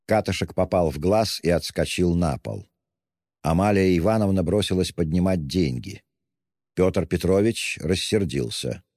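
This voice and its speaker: A man with a low voice narrating a classic novel in a measured, dramatic way. The voice is close and dry up front, with a long hall reverb trailing behind. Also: darkish tone. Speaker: audiobook narrator.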